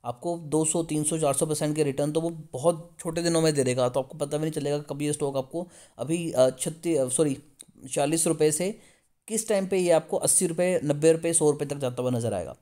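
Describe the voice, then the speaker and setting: A man's voice: fairly high pitch, brisk, warm tone. A man hosting a casual stock analysis video, reading numbers off charts and urging viewers to buy. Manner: pushy, urges viewers to buy; reads figures off a chart. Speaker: stock market video host.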